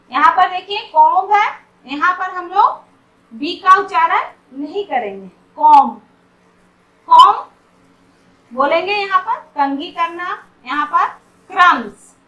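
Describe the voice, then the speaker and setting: Woman teacher, slow and careful, bright tone, slightly distant mic. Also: very high-pitched, reverberant. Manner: says each word slowly, then gives its meaning. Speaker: English pronunciation teacher. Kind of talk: slow explanatory lesson.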